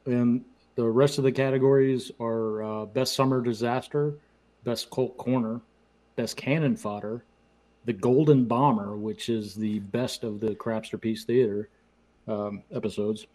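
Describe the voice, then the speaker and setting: A man's voice: mid-range voice, steady tone, a little slow, warm tone, rough recording. A man co-hosting a podcast in casual, conversational talk. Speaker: podcast co-host. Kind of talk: casual chat.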